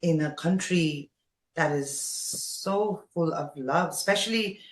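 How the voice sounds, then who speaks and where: The Nepali podcast guest, a former radio jockey, takes her time in a low voice while speaking effusively during a casual interview. The sound is echoey and roomy.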